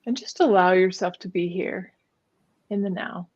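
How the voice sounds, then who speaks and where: A woman hosts a podcast and leads a calm guided opening, then speaks about her guest with open delight. Her voice sounds a little muffled, as if recorded on a cheaper line. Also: fairly low pitch, moderate pace, husky. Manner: soft and gushing, meditative opening. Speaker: podcast host. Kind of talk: podcast interview.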